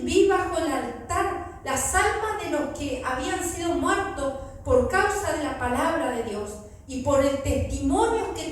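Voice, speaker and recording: A woman preacher with an Argentine Spanish accent reads scripture to her congregation. Her voice sits high and her reading moves slowly and evenly. The sound comes from a distance and rings with heavy room echo in a church hall. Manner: slow, measured reading aloud. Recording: very echoey room, mic far off.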